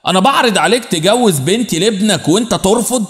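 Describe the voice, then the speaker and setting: A hearty middle-aged Egyptian friend, played by a man telling the story, speaks with a warm, pleading manner. The voice sits high and carries a long echo. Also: animated, fast talker. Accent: Egyptian Arabic.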